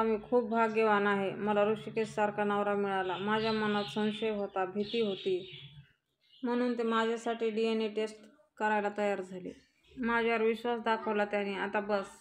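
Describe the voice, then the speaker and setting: A woman narrating a recap of a television serial episode, reading out the characters' lines with mild emphasis. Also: mid-range voice. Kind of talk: storytelling recap with voiced quotes.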